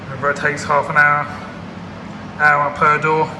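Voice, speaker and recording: A man's voice: fairly high pitch, completely flat delivery, unhurried. Chatty man in an echoey workshop. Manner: chatty, down-to-earth, self-deprecating. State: out of breath from machine polishing. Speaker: car restorer. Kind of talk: casual workshop commentary. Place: garage workshop. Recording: roomy workshop with clear background noise.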